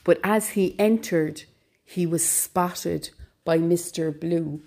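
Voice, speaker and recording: A woman telling a storybook tale with a low, mellow voice. Her narration is slow, gentle and deliberate. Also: gravelly.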